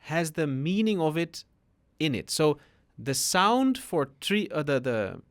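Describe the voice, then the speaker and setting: A man's voice: a little high, very animated, slow pace. This is a man from the Netherlands with a slightly raised voice. He explains things in a patient, teacherly way, as a podcast guest. He often ends his points with a questioning "no?".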